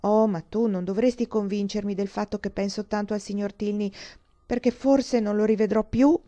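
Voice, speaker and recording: A woman voicing a naive, excitable young woman in a dramatized audiobook reading, with eager, breathless exclamations. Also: mid-range voice, moderate pace, no room sound, natural voice. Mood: eager, innocent.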